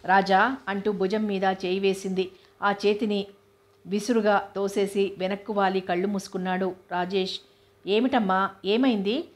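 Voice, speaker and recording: Woman reader for a serialized novel, flat steady delivery, medium pitch. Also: normal speed. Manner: steady, even narration. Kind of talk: reading a novel aloud.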